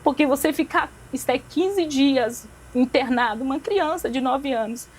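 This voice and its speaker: A young woman tells a religious testimony in a fairly high voice, repeating her phrases for emphasis. She acts out each remembered line of dialogue. A faint room ambience sits behind her. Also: moderate pace, slight background noise, low-quality recording. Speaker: podcast guest.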